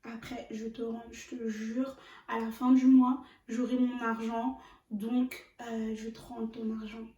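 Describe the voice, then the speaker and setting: A young man begs in a small, soft, whiny voice, as a woman puts him on in her storytime. The voice sits high. It sounds roomy, with the mic at some distance. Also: level tone, a little slow, natural voice. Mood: pleading.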